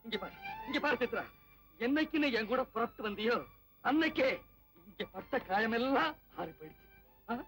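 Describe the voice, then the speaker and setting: A gentle, teasing young husband. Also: male voice, very high voice, expressive, moderate pace, creaky, long pauses, faint music behind, full character voice, poor audio. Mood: coaxing. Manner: coaxing, soothing and playfully teasing. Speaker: new husband in a film drama. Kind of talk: 1960s Tamil film acting.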